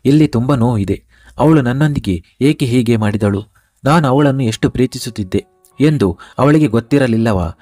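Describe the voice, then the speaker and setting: A man's voice: medium pitch, normal speed, mellow, dry recording, natural voice. Heartbroken drunk young man, as a narrator reads him, heavy and tearful, dry close sound. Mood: grieving. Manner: sobbing questions, heavy voice.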